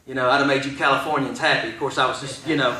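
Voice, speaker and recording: A man in his thirties, a pastor preaching his testimony as a story and swinging from hushed, low moments to shouted peaks. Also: steady tone, very fast. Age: 30s. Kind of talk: testimony sermon. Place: large church sanctuary. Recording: echoey hall, distant mic.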